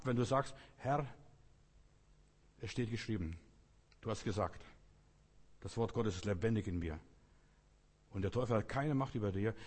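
A man preaching a sermon with emphatic delivery, dropping to quiet intensity and then rising to raised exclamations. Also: mid-range voice. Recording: husky voice in a reverberant hall.

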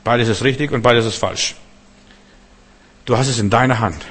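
A man preaching a sermon, swinging between loud proclamations and quiet, conversational asides. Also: mid-range voice, moderate pace, husky. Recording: long hall reverb.

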